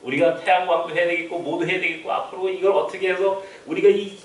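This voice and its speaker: Man preaching high-voiced emphatic pastor, roomy church. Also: steady tone, quick pace. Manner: emphatic, rhetorical questions, chuckling asides. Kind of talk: sermon. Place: church sanctuary. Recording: roomy church sound, mic far off.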